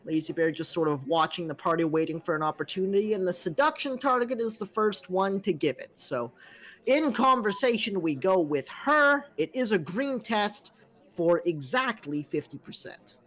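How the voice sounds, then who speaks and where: A woman's voice: fairly low pitch, normal speed. A woman hosting a video game match cast, calling the draft and the play step by step. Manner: steady play-by-play, calls the draft and action. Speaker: host caster. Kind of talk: esports play-by-play.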